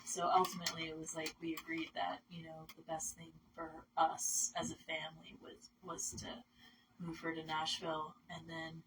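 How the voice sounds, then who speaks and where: Low, flat-voiced woman from Massachusetts. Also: moderate pace. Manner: chatty, many fillers. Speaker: musician guest. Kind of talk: casual interview talk. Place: radio studio. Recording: distant mic with faint noise.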